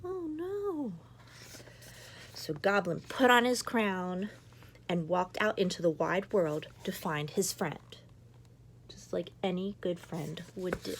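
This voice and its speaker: Reading a picture book to young children, this woman in her thirties, a mother, breaks off now and then for playful asides. She speaks in a lowish voice at a measured pace, with a little hiss or hum in the background.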